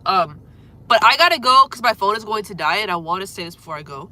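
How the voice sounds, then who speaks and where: Congested and coughing from a cold, this deep-voiced young woman from Florida, USA, is a musician chatting casually with viewers on a livestream through a phone held close. She sounds animated and talks quickly. She rambles with lots of fillers and lets her sentences fade out quietly.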